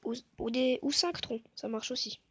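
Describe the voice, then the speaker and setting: Soft-spoken high-voiced husky woman gamer. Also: moderate pace. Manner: speaks softly, self-mocking asides. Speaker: gaming video creator. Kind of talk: casual gameplay commentary.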